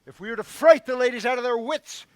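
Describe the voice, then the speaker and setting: Show-off male weaver, high and theatrical, read by a man on a dry close mic. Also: fast, no echo. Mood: boastful. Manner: boastful, theatrical, bursts into shouting. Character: boastful male weaver, eager amateur actor. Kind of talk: casual play read-through.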